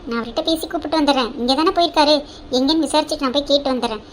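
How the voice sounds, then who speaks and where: A woman voicing a bossy elder sister-in-law in a cartoon drama, brisk and teasing, with a scheming side. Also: sits high, slight background noise, natural voice.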